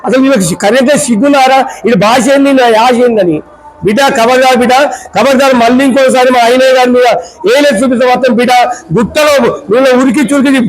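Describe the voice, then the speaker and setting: A man's voice: extremely high pitch, fast, low-quality recording. A man speaking, giving an angry, threatening speech at a press meet as a local party worker.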